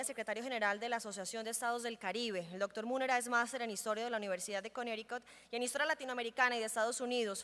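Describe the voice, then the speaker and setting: A woman's voice: a little high, pushed and bright. A woman presenter reading a formal scripted introduction of a speaker at an event. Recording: echoey hall with long reverb.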